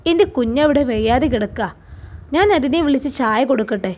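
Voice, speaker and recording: A woman playing a calm, devout young mother. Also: high voice, fairly quick. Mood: firm.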